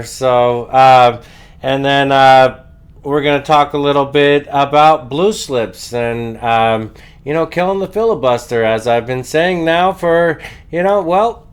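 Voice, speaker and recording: Male political host, slightly high-pitched, unhurried, stuffed up with a head cold, halting news commentary with plenty of uhs. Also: clear, resonant tone.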